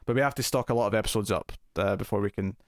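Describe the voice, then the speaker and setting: A man's voice: lowish voice, racing, no echo, studio quality. A man hosting a podcast in casual chat, with lots of fillers and restarts. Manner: chatty, many fillers and restarts. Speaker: podcast host.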